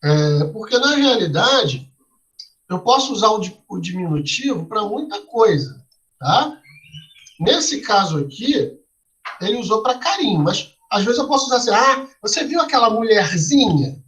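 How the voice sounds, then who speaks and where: A man's voice: sits high, very animated, unhurried, a bit bright, poor audio. A male teacher explaining a lesson step by step to a class, asking them questions and tagging his lines with "né?" and "tá?". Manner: tags lines with "né?" and "tá?".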